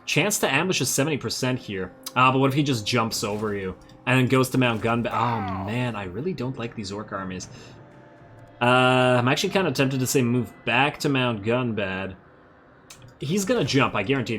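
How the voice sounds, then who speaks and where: A man's voice: medium pitch, moderate pace, a bit bright, slight background noise. A man giving casual, think-aloud commentary while playing a strategy game, self-amused and slightly losing his voice. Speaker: strategy game let's-play host.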